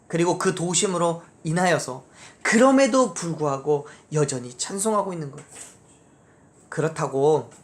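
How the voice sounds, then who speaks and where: A pastor preaching a sermon in a church, leading the congregation through scripture readings and answering with amen, voice jumping high on key phrases. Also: expressive, moderate pace. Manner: emphatic, pitch leaps up on key phrases then drops low. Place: church sanctuary.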